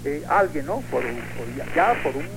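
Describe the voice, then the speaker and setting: An older Cuban man with a Cuban Spanish accent, a guest on a radio interview speaking from inside Cuba, halting with many fillers and restarts. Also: fairly high pitch, lively intonation, vocal fry, noisy background.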